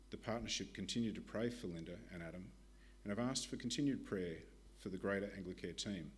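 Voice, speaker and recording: Man reading a ministry report aloud. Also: lowish voice. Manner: steady, measured reading with occasional fillers. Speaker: church presenter.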